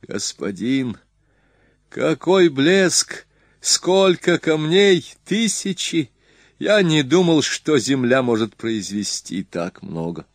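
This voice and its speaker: A man's voice: on the high side, sing-song, slow, dry recording, clean studio sound, pitched above the performer's own voice, exaggerated voice. A man voicing an awed, greedy male court poet who gasps out breathless exclamations in an audiobook. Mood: dazzled.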